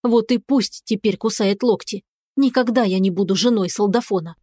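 Expressive woman reading a fantasy audiobook. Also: mid-range voice, normal speed, no echo. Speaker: audiobook narrator. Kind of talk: scripted first-person narration.

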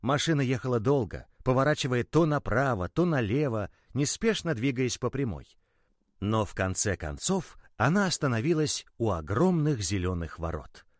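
A man narrating a children's story in a gentle, expressive way. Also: mid-range voice, normal speed, no room sound, studio quality.

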